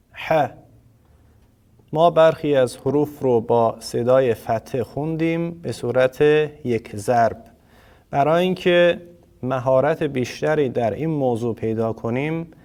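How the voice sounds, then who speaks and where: A man teaching Quran reading in a formal recorded lesson, addressing learners politely and sounding out letters and short words slowly for them to repeat. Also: medium pitch, a little mellow.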